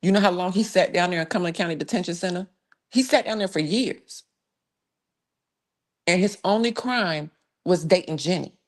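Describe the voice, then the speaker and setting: A woman's voice: on the low side, moderate pace, long pauses. A woman hosting a live true crime stream, giving blunt, emphatic case commentary in a casual way and stopping to thank viewers. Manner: blunt, emphatic, conversational with sighs and restarts.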